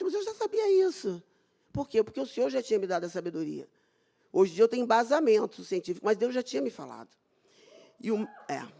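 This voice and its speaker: On stage, a middle-aged dermatologist with a Brazilian Portuguese accent gives a personal testimony talk about her own life. Her slightly mellow voice carries a gravelly fry, and her pitch swoops widely as she acts out dialogue with open, faith-filled zeal.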